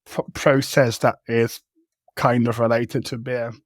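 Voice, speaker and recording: A man's voice: mid-range voice, flat delivery, unhurried, no room sound, studio quality. A man co-hosting a tech podcast, chatting casually in a rambling way, with restarts and the odd swear word. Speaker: podcast co-host. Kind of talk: casual chat.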